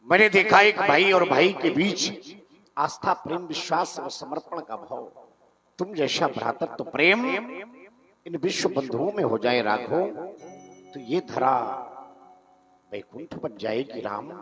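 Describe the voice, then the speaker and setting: A man's voice: on the high side, lively intonation, measured pace, long pauses, crowd noise. A man acting a stern, wise sage on a folk stage. He consoles a weeping prince in impassioned, sermon-like speech that turns into song. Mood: consoling. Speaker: stage actor. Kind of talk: live folk stage drama, spoken and sung. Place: live open stage show.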